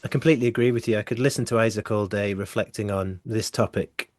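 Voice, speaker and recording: A man co-hosting a podcast, talking in an earnest, gently teasing way and reading a scripted introduction. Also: lowish voice, fairly even intonation, fast talker, no echo. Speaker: podcast co-host.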